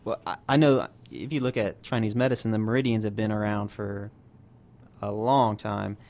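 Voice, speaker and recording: A man speaking as a health practitioner guest on a radio show, explaining at length and patiently with many pauses. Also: on the low side, vocal fry, a little mellow. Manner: explanatory, many fillers and restarts. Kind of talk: radio interview.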